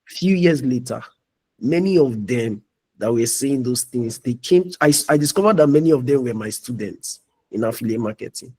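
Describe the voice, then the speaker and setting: A man's voice: medium pitch, animated, moderate pace, warm tone, breathy edge. A young man giving a preachy motivational talk as a mentor in a live online meeting, often asking "you understand?".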